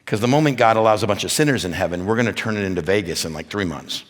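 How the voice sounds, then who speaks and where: A man preaching at a men's event, telling stories and building from quiet to loud, emphatic points. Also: lowish voice, racing. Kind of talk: sermon. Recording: long hall reverb.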